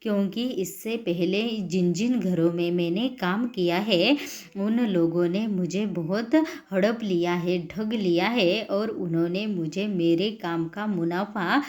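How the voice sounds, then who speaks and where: A woman's voice: on the low side, measured pace, darkish tone, close to an everyday voice. A meek young servant girl answers her employer in a textbook reading, voiced by a teacher. She sounds timid and grateful, and the lines are read in a plain classroom manner. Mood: earnest. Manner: reads the lines aloud, repeating phrases to explain them.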